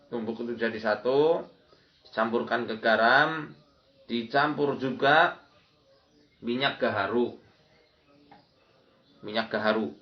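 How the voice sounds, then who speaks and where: A man's voice: mid-range voice, slow pace, long pauses. A man giving an instructional religious lecture as an Islamic preacher, often repeating key phrases. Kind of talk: religious lecture with recited Arabic prayers. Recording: dull lo-fi audio.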